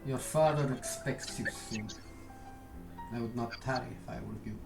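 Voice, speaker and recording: A man's voice: medium pitch, moderate pace, vocal fry, a little mellow, faint music behind, close to an everyday voice. A man voicing a cold, formal, tall female servant with a Russian accent in a tabletop game. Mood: stern formal. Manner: clipped, formal warning tone.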